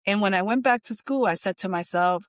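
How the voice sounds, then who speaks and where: A middle-aged woman, born in Puerto Rico and raised in New Jersey, is a counseling center's chief executive appearing as an interview guest. She gives candid, conversational answers in a medium-pitched voice at a brisk pace. The studio-quality recording has no room sound.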